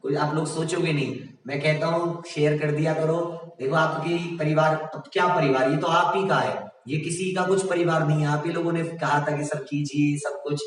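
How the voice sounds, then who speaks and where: A man teaching a general science class online, reading out quiz options slowly and praising his students often. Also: on the high side, fairly even intonation, heavy reverb, long reverb tail, distant mic, poor audio.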